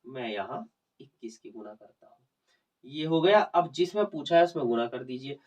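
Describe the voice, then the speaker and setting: A man's voice: medium pitch, animated, normal speed, distant mic, dull audio. A man explaining maths problems step by step in a video lesson, conversational and often checking whether the students follow. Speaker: maths teacher.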